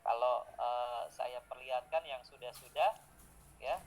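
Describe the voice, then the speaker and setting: A man's voice: medium pitch, a little slow, a little hiss or hum, poor audio. A middle-aged man, a teacher-training lecturer, giving informal feedback in a chatty way with frequent tag words and small hesitations.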